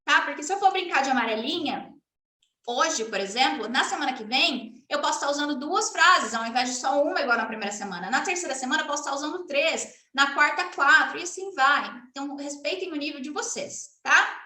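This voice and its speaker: A woman from Brazil teaching an online lesson, explaining in Portuguese and modeling English phrases slowly and clearly. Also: sits high, animated, sharp tone, roomy sound.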